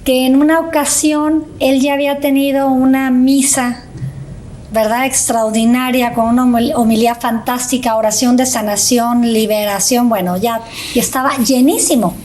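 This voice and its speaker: A high-pitched woman tells a story as the host of a faith talk show. She speaks in an animated way and acts out the voices of the people in her story. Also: normal speed, a little hiss or hum. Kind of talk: casual faith chat, storytelling.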